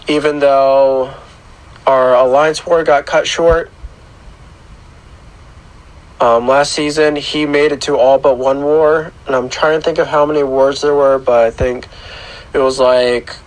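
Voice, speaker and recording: A man with a hoarse, grating voice from a sore throat gives casual, unscripted gaming commentary in a halting, matter-of-fact way. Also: mid-range voice, poor audio. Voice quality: rough, grating. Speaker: gaming channel host. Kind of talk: casual video game account tour commentary.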